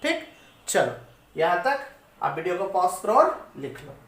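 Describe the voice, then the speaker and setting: Animated woman teaching maths in an echoey room. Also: lowish voice, a little slow. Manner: asks the class questions and answers them herself. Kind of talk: classroom-style maths lesson. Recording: echoey room, voice away from the mic.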